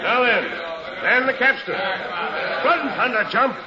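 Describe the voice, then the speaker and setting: Commanding ship's mate, high voice, slow forceful delivery, audio drama, echoey lo-fi recording. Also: male voice, a loud crowd. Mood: urgent, commanding. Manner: barked orders, forceful sailor talk. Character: commanding first mate driving a whaling crew. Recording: muffled, echoing, loud sound effects behind.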